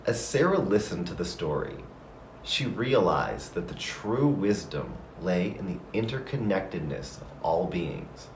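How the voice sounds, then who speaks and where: A man narrating a scripted story slowly, in a calm, gentle and measured manner. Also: sits low, reverberant, distant mic, slight background noise, low-quality recording.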